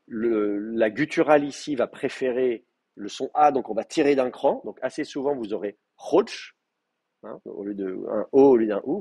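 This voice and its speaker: Man, teacher, husky voice, patient explaining, lots of hesitations, live class. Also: mid-range voice, a little mellow. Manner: explains patiently, many fillers, checks with students.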